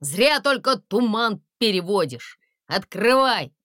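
A woman's voice: mid-range voice, sing-song, takes it slowly, fairly bright tone, no echo, clean studio sound. A woman voicing a grumpy, practical talking cat who grumbles and gives orders. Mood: commanding. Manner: grumbling, commanding.

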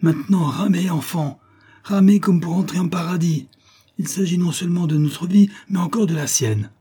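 A man's voice: mid-range voice, fairly even intonation, fairly quick, dark tone, pitched above the performer's own voice, lightly acted. A man voicing a bold young naval lieutenant in a read-aloud novel, commanding and urgent.

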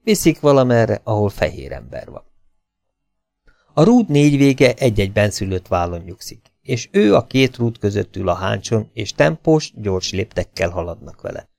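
A man reading a humorous novel aloud as an audiobook, with lively, expressive storytelling. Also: lowish voice, vocal fry, dry recording. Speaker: audiobook reader.

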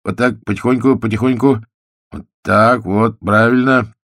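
A man voicing a gruff young male rescuer who speaks tersely. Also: medium pitch, steady tone, measured pace, fairly bright tone, no echo, studio quality, voice pushed up.

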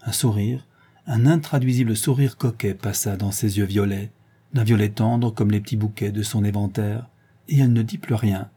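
A man from Alsace reading a literary story aloud in a measured, expressive way. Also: fairly low pitch, slightly rough. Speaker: reader. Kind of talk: literary audiobook narration.

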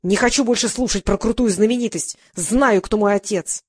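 A woman's voice: medium pitch, moderate pace, slightly rough, dry recording, studio quality, lightly acted. A woman voicing a furious, defiant thirteen-year-old girl who accuses and mocks her mother in an audiobook. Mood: mocking. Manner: accusing, mocking.

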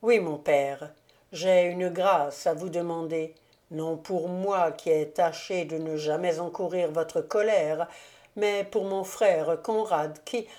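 A woman's voice: lowish voice, steady tone, slow pace, a little mellow. A woman reading as a haughty young nobleman. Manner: haughty, self-satisfied. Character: young proud arrogant male nobleman. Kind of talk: audiobook reading.

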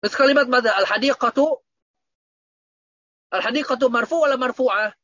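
A man's voice: very high voice, a little fast, pushed and bright, dry recording. A man teaching Arabic grammar in an online lesson, quizzing his students with repeated questions. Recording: dull, dry lo-fi audio.

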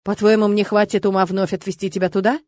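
A woman's voice: mid-range voice, little pitch movement, fast talker, mellow, no room sound, lightly acted. A woman reading an audiobook, voicing a possessive young male prince who speaks sternly and with authority. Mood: commanding.

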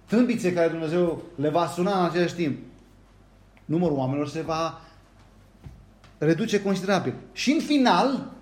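A man preaching a sermon, reading scripture aloud and often turning to the congregation with a quick rhetorical question. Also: a little high, darkish tone, reverberant. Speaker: pastor. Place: church hall.

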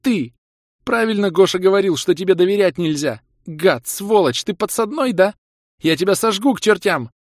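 A fierce young paladin woman with a high, loud voice, hurling shrill, sobbing accusations, as a male narrator puts her on. The reading is dry and close, with no room around it. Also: animated, moderate pace, no echo. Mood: furious.

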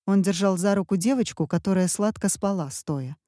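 Woman storyteller, wry tone, dark mellow voice, dry close mic. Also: medium pitch, normal speed, no room sound. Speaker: audiobook narrator. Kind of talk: storytelling audiobook narration.

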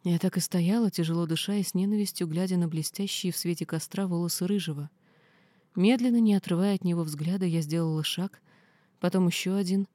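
Ровное чтение книги от первого лица, женский тёмный тембр. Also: female voice, fairly low pitch, a little fast, dark tone, no room sound. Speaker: audiobook reader. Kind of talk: first-person fantasy audiobook narration.

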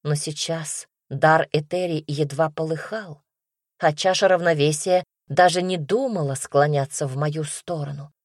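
A woman reading a first-person fantasy audiobook in a steady, expressive way. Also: sits low, unhurried, no room sound, clean studio sound. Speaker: audiobook narrator.

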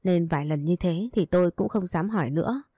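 A woman narrates a first-person story in a heartfelt, emotional reading. Her voice sits low and mellow. The sound is dry and close. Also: fairly quick, husky, no room sound.

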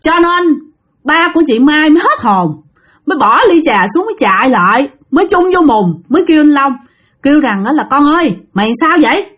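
Speaking briskly in a high-sitting voice, a Southern Vietnamese-accented woman addresses her audience head-on as she spins a dramatic, lively ghost tale.

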